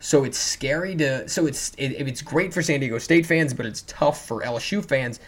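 A man's voice: mid-range voice, normal speed. A man co-hosting a sports podcast, talking in a loose, chatty way with fillers and restarts. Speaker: podcast co-host. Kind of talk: casual sports podcast chat.

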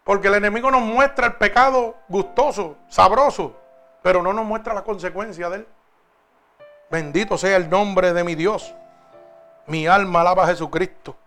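A man, preaching a sermon as a pastor and giving his own testimony, fervent and shifting between loud emphasis and hushed confession. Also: high voice, moderate pace, soft background music.

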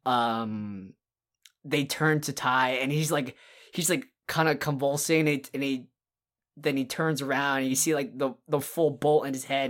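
A woman co-hosting a casual podcast, retelling scenes at length with lots of fillers and restarts. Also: low-pitched. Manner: rambling, enthusiastic retelling with many fillers and restarts. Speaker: podcast co-host. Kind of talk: casual podcast chat about horror films.

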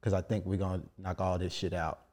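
A man's voice: low-pitched, little pitch movement, brisk, a little mellow, a little hiss or hum. A man hosting a casual podcast interview, joking around while steering the talk back on track. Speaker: podcast host.

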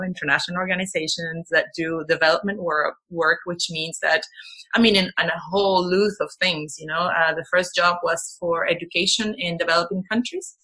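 A woman's voice: on the low side, fairly even intonation, normal speed, pushed and bright. A young woman from Venezuela, a guest telling her story in a rambling, casual way with many fillers and restarts. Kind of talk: casual conversational interview.

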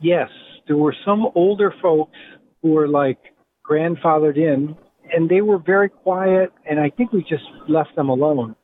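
A middle-aged man with a Rhode Island accent, reminiscing in a relaxed, rambling way as an interview guest. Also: a little high, unhurried. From Providence, Rhode Island. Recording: tinny phone line with faint hiss.

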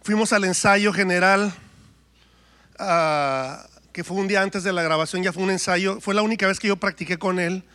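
High-voiced man giving a sermon. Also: moderate pace, pushed and bright. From Mexico. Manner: storytelling, acts out quoted dialogue. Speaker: worship singer preaching. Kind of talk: testimony and sermon. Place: church.

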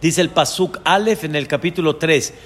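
A man preaches a scripture lesson in a fairly high voice. He teaches in an earnest tone and drops Hebrew terms into his explanations. His voice carries a long, ringing reverb. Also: normal speed, fairly bright tone. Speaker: rabbi.

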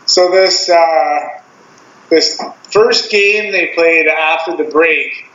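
Laughing storyteller, swears freely; higher voice in an echoey, lo-fi room. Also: male voice, slow, a bit bright. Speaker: podcast co-host. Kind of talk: casual chat. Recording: roomy, dull lo-fi sound with faint hiss.

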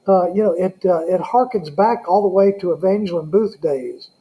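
Male interview guest, Southern US accent, high-set mellow voice, conversational and halting. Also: low-quality recording. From Southern United States. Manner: halting, with frequent hesitations. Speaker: guest, Salvation Army colonel.

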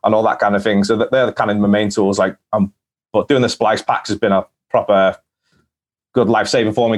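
A man, a music producer guest in a podcast, chatting casually and filling his talk with "like". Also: fairly low pitch. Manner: chatty, full of "like" fillers. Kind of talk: casual conversation.

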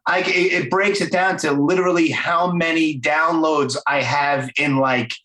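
Brooklyn-accented male podcast host, bright and roomy. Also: fairly high pitch, fairly even intonation, measured pace. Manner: informal, slangy, enthusiastic. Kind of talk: casual interview chat. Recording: roomy, echoing sound.

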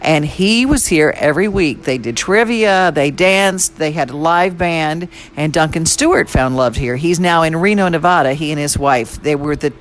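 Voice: mid-range voice, moderate pace, few pauses, fairly bright tone, a little hiss or hum. Chatty interviewer with a mid-range voice. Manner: chatty, storytelling. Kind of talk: casual interview.

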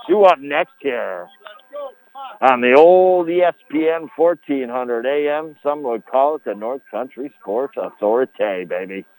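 A man calling a live high school baseball game on radio, with a folksy, colourful turn of phrase. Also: low-quality recording. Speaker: baseball play-by-play announcer. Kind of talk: live radio sports commentary. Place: broadcast booth at ball game.

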